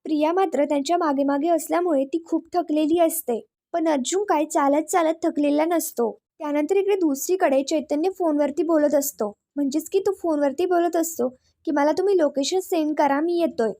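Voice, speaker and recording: A woman narrating a casual recap of a serial episode, retelling scene by scene at a steady pace and slipping in English words. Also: high-pitched, normal speed.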